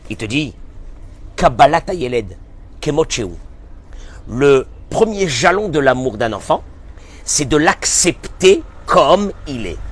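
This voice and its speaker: A man preaches as a rabbi in a fairly high voice. His delivery is lively and impassioned, rising to loud bursts and falling to soft murmurs. He weaves Hebrew phrases through his French. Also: unhurried. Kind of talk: sermon.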